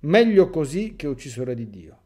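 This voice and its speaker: A proud male apostle speaks out vehemently and self-righteously, voiced by a priest in a dramatic reading. The voice is loud but dark and mellow. The delivery is forceful and sure of itself. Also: on the high side, sing-song, normal speed. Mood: defiant. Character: Judas Iscariot, a proud, defiant male apostle.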